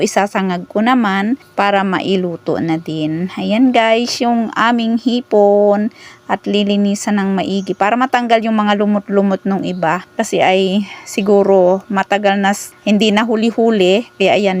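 A woman's voice: mid-range voice, darkish tone. A woman with a Filipino accent narrating a casual outdoor cooking vlog, chatty and upbeat, often calling the viewers guys. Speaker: cooking vlogger. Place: outdoor home kitchen with wood fire.

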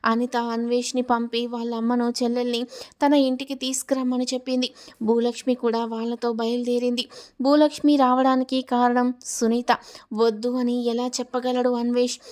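Even-toned woman reading a family serial story. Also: fairly high pitch, normal speed. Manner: reads all characters' lines in her narrating voice, even tone. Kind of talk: scripted serial story narration.

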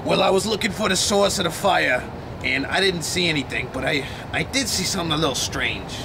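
Man playing high, creaky hapless underling. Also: expressive, a little fast, noisy background. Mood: sheepish. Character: hesitant, hapless male office underling. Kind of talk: amateur film acting. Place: outdoors beside a brick wall.

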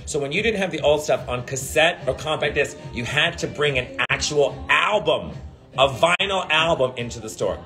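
Holding his phone at arm's length, a drag performer in his forties livestreams casual chat with his viewers, moving from a hotel hallway into an elevator. His voice sits at a medium pitch and is a bit bright. He comes across as brash, profane and sardonic.

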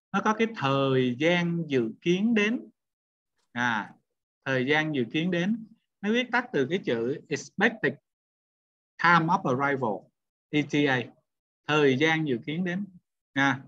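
A man's voice: fairly high pitch, fairly bright tone. A male teacher, lecturing a class and questioning students one by one. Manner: questioning students, repeats points. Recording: dull lo-fi sound.

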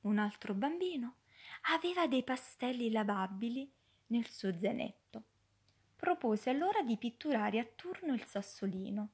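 A woman telling a children's story with a high voice and a slow, unhurried pace. She reads expressively and often sinks into a near-whisper. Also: lively intonation, a little mellow, breathy edge.

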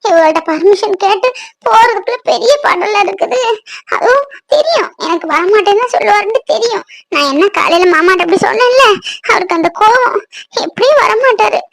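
A woman's voice: very high-pitched, a bit bright, no room sound. A woman voicing a tearful, stubborn young married woman in a cartoon who sobs and argues. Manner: sobbing, pleading, accusing.

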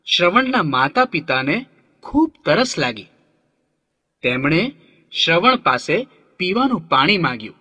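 A man narrating a children's story gently, now and then asking the young listeners questions. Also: on the high side, breathy edge. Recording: long reverb hall.

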